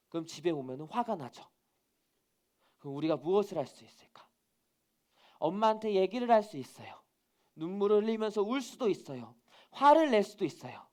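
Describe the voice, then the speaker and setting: Female children's preacher, very expressive pitch, sudden hushed whispers for emphasis. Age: adult. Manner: animated storytelling with sudden whispers. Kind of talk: children's sermon.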